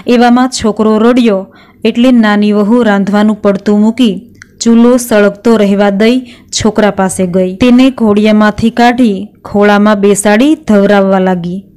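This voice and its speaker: A middle-aged woman tells a devotional folk tale at an even, unhurried storyteller's pace. Her voice is smooth and clear, sitting at an ordinary middle pitch. She reads the characters' lines in the same plain voice she uses for the narration. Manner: steady, plain storytelling with quoted dialogue read in the same voice.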